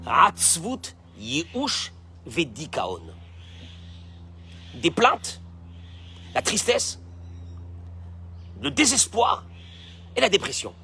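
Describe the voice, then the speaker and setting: A man's voice: high voice, pushed and bright, slight background noise. A rabbi giving a Torah lesson with Hebrew quotations, who acts out the complaining voices he describes and keeps asking rhetorical questions. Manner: fond of rhetorical questions and repeating phrases.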